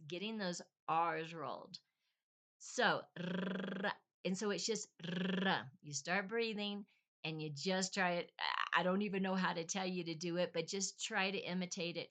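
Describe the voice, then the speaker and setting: Woman giving a chatty spanish sounds lesson, lowish voice, thinks out loud, repeats sounds slowly, poor home recording. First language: English. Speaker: language teacher. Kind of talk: casual spoken lesson.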